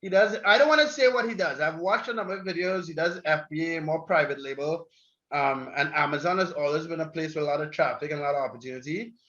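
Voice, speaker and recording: A man's voice: a little high, quick pace, bright, forceful tone, highs cut off. A man hosting a casual online interview, talking in a chatty, rambling way. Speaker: interview host.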